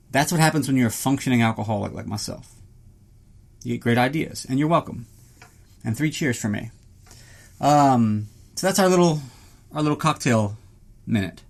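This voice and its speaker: A man hosting a solo podcast in casual, rambling chat, self-deprecating, joking and prone to swearing, recorded inside a small closet. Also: medium pitch.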